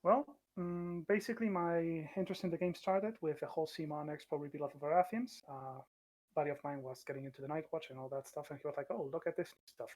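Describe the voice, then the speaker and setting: A man from Spain, playful and animated in a casual interview. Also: fairly high pitch, quick pace, low-quality recording.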